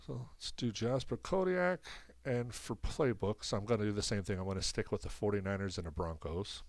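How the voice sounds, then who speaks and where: A man with a cold streaming a video game, rambling and thinking aloud as he sets things up. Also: low-pitched. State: sick with a cold, coughing. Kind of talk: casual commentary while setting up a video game.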